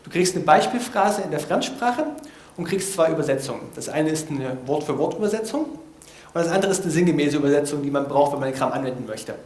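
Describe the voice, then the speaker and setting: A man with a notably high voice speaks fast in a relaxed, informal talk on language learning before an audience. Lively and self-mocking, he jokes at his own expense and drops slangy asides, and the hall gives the sound a roomy echo.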